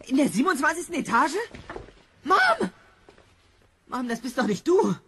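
Marty, a high, stammering teen. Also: lively intonation, fast talker, noisy background. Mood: panicky. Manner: stammering, panicky. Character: confused frightened teenage boy. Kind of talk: audio drama acting.

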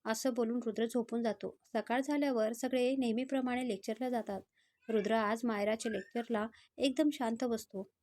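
Woman storyteller, steady reading, slightly high and mellow. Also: normal speed. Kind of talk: scripted story narration.

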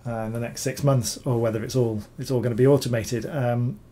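Talking through a screen capture of software he's reviewing, the bas-relief sculptor moves at a brisk clip despite a voice left hoarse by recent illness. It's a mid-range voice with fairly even intonation, and his talk wanders, full of ums and words said twice.

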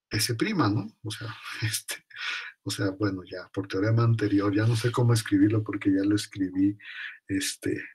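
A man's voice: lowish voice, darkish tone, breathy edge. A man giving an informal math lecture, thinking aloud and correcting himself as he goes.

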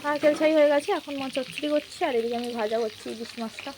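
With a high voice and quick delivery, a young woman chats through her cooking for viewers in a casual vlog shot on a handheld phone in her home kitchen, with background noise present.

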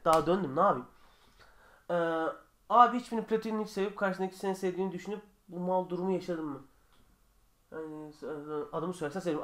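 Young man chatting in a casual vlog. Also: high-pitched. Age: young adult. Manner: chatty, joking, quick shifts between calm and heated. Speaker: YouTuber answering viewer questions. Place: his own bedroom.

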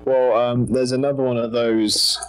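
A man in a casual gaming chat, talking haltingly with many fillers. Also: mid-range voice, little pitch movement, clean tone, low-quality recording. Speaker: guest player.

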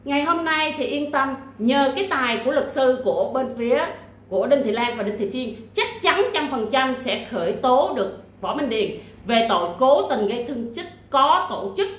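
A woman with a somewhat high voice talks straight to camera in a forceful, repetitive way, peppering her speech with fillers and sharp digs. The sound carries a noticeable room echo. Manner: emphatic, many fillers and repetitions, blunt insults. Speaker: YouTuber discussing a legal case. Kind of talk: casual livestream-style monologue.

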